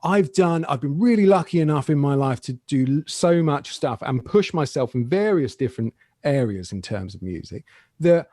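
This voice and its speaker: A man's voice: fairly high pitch, animated, moderate pace, warm tone, no echo, studio quality. A man in his forties from England, a guitarist being interviewed in a casual podcast chat, talking in a chatty, self-deprecating way with frequent laughs. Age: 40s.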